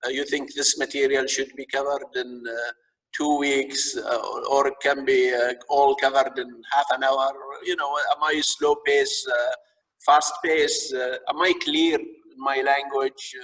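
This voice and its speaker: A man's voice: medium pitch, level tone, measured pace, a bit bright. A man with an Arabic accent teaching a course as a live lecture, often repeating words and stumbling as he searches for phrasing. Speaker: instructor teaching a training course. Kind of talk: live lecture with audience questions. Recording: distant, echoing reverberant sound.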